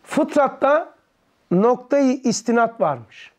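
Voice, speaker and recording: High-voiced man teaching a study circle. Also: big pitch swings. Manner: quizzes listeners with quick questions and answers himself; explains terms in plain words. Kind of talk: teaching a text to a small group.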